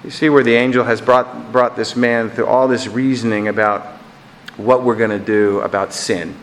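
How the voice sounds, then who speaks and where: A male preacher reading a story aloud in a sermon, earnest and deliberate. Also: mid-range voice, little pitch movement, in a large hall, slight background noise, poor audio.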